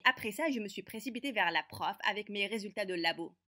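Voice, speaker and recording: A woman voicing a feisty teenage girl who narrates an animated story with brisk, sarcastic wit. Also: medium pitch. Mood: sardonic.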